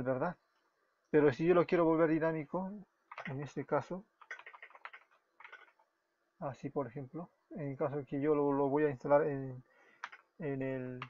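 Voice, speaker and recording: This web development tutor from Peru speaks with a Peruvian Spanish accent in a medium-pitched, darkish voice, walking through a screen-recorded coding tutorial step by step. He keeps correcting himself and frequently apologizes. The audio is dull and lo-fi, with keyboard typing and a slight hiss or hum.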